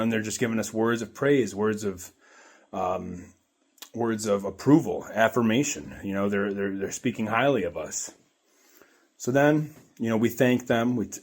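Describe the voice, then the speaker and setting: Earnest low-voiced man telling a story. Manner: rambling, earnest, repeats phrases. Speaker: vlogger. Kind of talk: casual storytelling to camera.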